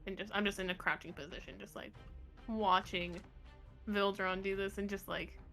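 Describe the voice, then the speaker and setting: A woman's voice: medium pitch, steady tone, normal speed, gravelly, a bit bright, soft background music. A young woman playing a tabletop game, giggly and full of fillers, prone to shocked outbursts. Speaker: player.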